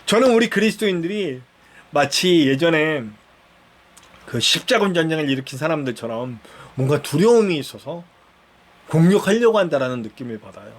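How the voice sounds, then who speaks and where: A man with a fairly high voice preaches a sermon in a church. He tells it like a story, slipping into the voices of the people in it. Now and then he puts a question straight to his listeners. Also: lively intonation, moderate pace. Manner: conversational storytelling, acts out dialogue, asks the listeners questions.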